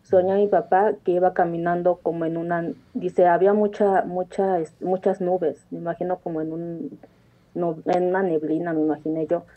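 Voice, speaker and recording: Over a tinny phone connection, a caller with a warm, lowish voice tells a personal story on a phone-in show. She speaks earnestly at a moderate pace in an even tone, wandering and frequently starting over.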